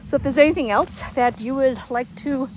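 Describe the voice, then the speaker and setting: A woman's voice: high voice, fairly quick, a little mellow, a little hiss or hum, low-quality recording. A woman chatting casually on a livestream while walking outdoors, a bit winded, rambling and laughing easily. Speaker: livestream host.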